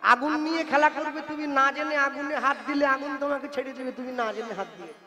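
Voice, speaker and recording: A man's voice: very high-pitched, steady tone, fairly quick. A man preaching a devotional sermon, scolding with emphasis and chanting verse lines for a chorus to repeat. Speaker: kirtan performer. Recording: long hall reverb with music behind.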